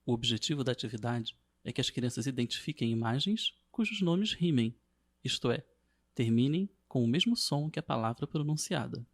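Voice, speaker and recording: A man narrating a scripted lesson as a teacher, in a steady, measured reading. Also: medium pitch.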